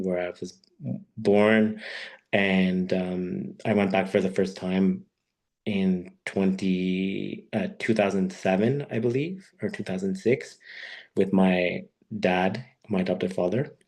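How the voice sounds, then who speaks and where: Deep, flat-voiced man telling his story. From born in Peru, raised in Quebec, Canada. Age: 30s. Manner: halting, unhurried storytelling. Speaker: guest speaker. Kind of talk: personal talk on an online webinar. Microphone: video call.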